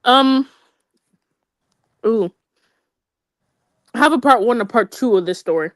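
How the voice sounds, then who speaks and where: A woman's voice: on the high side, unhurried, no room sound, clean studio sound. A young woman chatting casually with friends, telling gossipy stories full of slang and asides. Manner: animated, gossipy storytelling with slang. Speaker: storyteller among friends. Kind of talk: casual chat.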